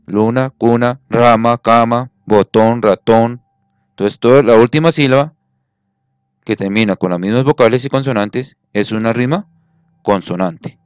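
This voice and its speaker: A man's voice: mid-range voice, a little slow, clean tone, dry recording. A man teaching a classroom lesson, patient, counting syllables aloud and checking that students follow.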